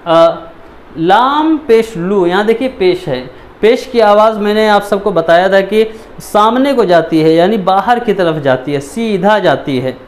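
A man teaching Quran letter reading, patiently repeating syllables slowly and checking in often. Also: high-pitched, animated. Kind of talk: step-by-step recitation lesson.

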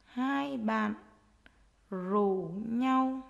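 A woman with a fairly high voice is dictating to young schoolchildren. She goes extremely slowly, giving a few words at a time and repeating them as a teacher does in a writing lesson. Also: creaky, muffled recording. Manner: dictating short phrases slowly, word by word, repeating each.

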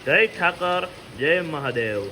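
A man's voice: on the high side, expressive, slow. A male vlogger, chatting casually to viewers on his phone camera as he goes about town. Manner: chatty, greets viewers warmly with devotional calls. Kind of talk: casual vlog chat. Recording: noisy street background.

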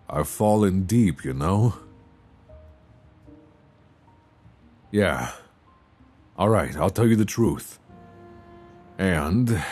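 In an intimate ASMR roleplay, a man voices a worried, tender mobster boyfriend, speaking haltingly and hesitantly with sighs. His voice is low with a darkish tone.

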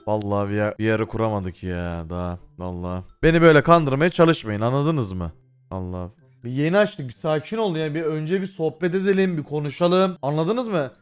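A man streaming live, chatting casually with his viewers, who swings from mumbled greetings to loud outbursts and swears freely. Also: fairly high pitch, clean tone. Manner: swears freely, repeats filler words.

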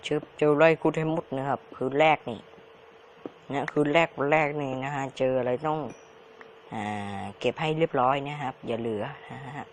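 A man's voice: medium pitch, normal speed, slight background noise. A man giving casual commentary while playing a game, polite and chatty, making digging sounds with his mouth. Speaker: Let's Play gamer.

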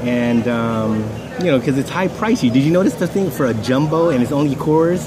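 A man's voice: medium pitch, expressive, moderate pace, a loud crowd. A man co-hosting a casual show at an outdoor racetrack terrace, bantering loosely and swearing. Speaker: podcast co-host. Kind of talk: casual chat. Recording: outdoor noise in background.

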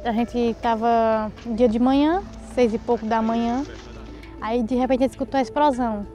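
A woman, a local mother telling her story in rapid, animated interview testimony. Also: a little high, faint music behind.

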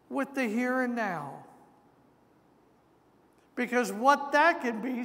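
Male pastor, high-pitched, unhurried, preaching with asides in a reverberant sanctuary. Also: a bit bright. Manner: slow, deliberate preaching with asides. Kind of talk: sermon. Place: large church sanctuary. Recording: long church reverb.

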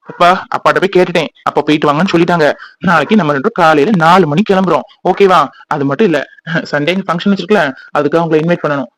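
A man's voice: on the high side, close to an everyday voice. A man voicing a playful young husband in a cartoon who teases and mocks his crying wife. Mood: gentle. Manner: mocking, teasing.

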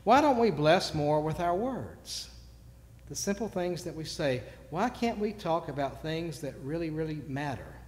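A man preaching a sermon, telling stories and moving between quiet asides and sudden loud bursts. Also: on the high side, expressive, measured pace. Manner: storytelling, swings from quiet to shouting. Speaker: pastor. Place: church sanctuary. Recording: long church reverb.

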